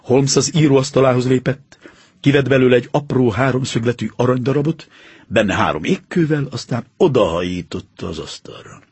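A man narrating an audiobook with steady storytelling. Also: medium pitch, slightly rough, no room sound. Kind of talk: audiobook reading.

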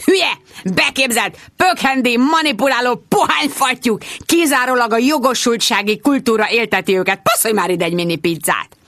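A woman's voice: on the high side, fairly bright tone, no room sound, voice pushed up, close to an everyday voice. A woman reading an audiobook voices a fed-up young woman who heaps scornful insults on men.

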